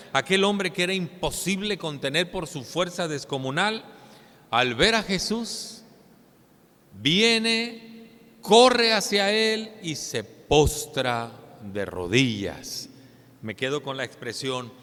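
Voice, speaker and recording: A Mexican man preaching a sermon as pastor, swinging between loud emphatic lines and hushed ones. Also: a little high, in a large hall.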